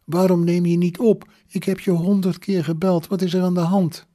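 A fretting, nosy middle-aged mother, put on by a male audiobook narrator in a lifted, higher register. She fusses and pries with worried questions. The sound is close and dry with a dark, mellow tone. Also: expressive, normal speed, no echo, natural voice. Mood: worried, prying. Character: anxious, prying middle-aged mother on the phone.

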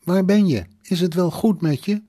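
A man's voice: on the high side, expressive, normal speed, warm tone, dry recording, studio quality, pitched above the performer's own voice, lightly acted. A male audiobook reader voicing an anxious, prying middle-aged mother who fires worried questions down the phone. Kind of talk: audiobook narration.

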